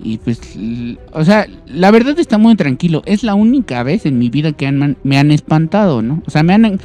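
With soft music in the background, a young Mexican man chats as a storyteller guest, spinning a scary story for his friends. He's lively, full of slang, and performs voices and screams along the way. His voice is fairly high-pitched and moves at a moderate pace.

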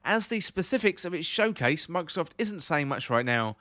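A man's voice: on the high side, very animated, moderate pace, pushed and bright, dry recording, clean studio sound. A man hosting a video game podcast, presenting scripted commentary and news.

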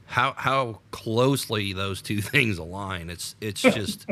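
A man's voice: fairly low pitch, slow, bright, forceful tone. An American man co-hosting an unscripted political podcast, rambling with many repeated starts and laughs. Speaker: podcast co-host.

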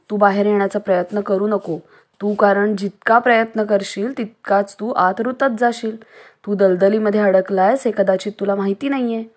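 A woman's voice: medium pitch, lightly acted. A woman voicing a strong, clever young male elephant who patiently explains and reassures his friends.

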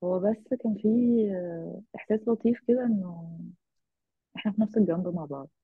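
Creaky, husky woman with Egyptian Arabic accent. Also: on the low side, no room sound. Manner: halting, reflective, with trailing phrases. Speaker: interview guest. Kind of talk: personal interview account. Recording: thin, phone-like narrow-band sound.

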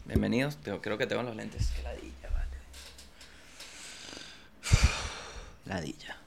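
A man's voice: on the low side, slow, gravelly, a crowd in the background. Joking Venezuelan man hosting a podcast. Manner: joking, animated storytelling with voices. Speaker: podcast host. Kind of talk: comedic monologue.

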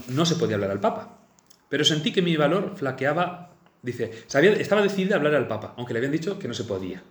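Chatty man in a roomy space. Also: on the high side. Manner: chatty, many fillers and restarts. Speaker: speaker on a saint's life. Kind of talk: storytelling talk mixing reading and comment. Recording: roomy echo.

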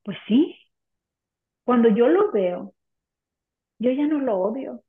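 A woman's voice: fairly high pitch, expressive, takes it slowly. Earnest woman on a tinny line. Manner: earnest, emotional, fervent. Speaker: interview guest. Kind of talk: personal testimony. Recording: echoey room on a tinny phone-like line.

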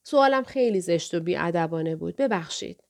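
A woman voicing a calm, reserved young café waitress who asks polite, matter-of-fact questions in an audiobook. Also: fairly low pitch, vocal fry, voice pushed down. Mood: composed. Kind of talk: audiobook character voice.

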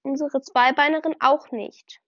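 Woman doing an angry young house tomcat, huffy, high pitched, lo-fi audio. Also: steady tone, a little slow, a bit bright, no echo. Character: hot-headed young male house cat.

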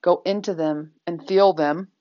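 A woman's voice: fairly low pitch, fairly even intonation, measured pace, highs cut off. A woman speaking candidly in a reflective personal talk, conversational and full of fillers.

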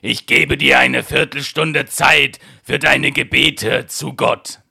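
A man's voice: mid-range voice, fairly even intonation, slow, gravelly, pushed and bright, husky, pitched above the performer's own voice, exaggerated voice. A man voicing a stern, imperious monstrous beast in a storybook, with a thunderous, snorting voice. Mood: furious. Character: furious monstrous Beast, commanding and menacing.

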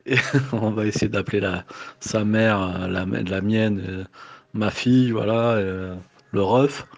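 A man in his late thirties chatting casually with friends on a call, slangy and halting, with lots of fillers. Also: lowish voice, steady tone, gravelly. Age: 30s. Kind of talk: casual chat. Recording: dull lo-fi sound with music behind.

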